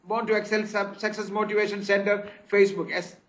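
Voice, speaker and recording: 70s guy, formal and a bit halting, muffled call audio. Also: high-pitched, flat delivery, noisy background. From Kerala, India. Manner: formal, hesitant with restarts. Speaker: tourism and teacher-training organizer. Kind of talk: video call discussion. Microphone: video call.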